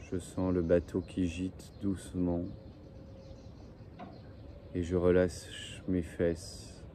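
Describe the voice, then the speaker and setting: A very dark, mellow male voice, low in register, guides a breathing and relaxation session. He speaks slowly and soothingly, repeating short phrases with little melodic movement. Faint outdoor noise and birds sit behind him. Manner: slow, soothing, repetitive phrasing. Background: faint birdsong and ambient noise.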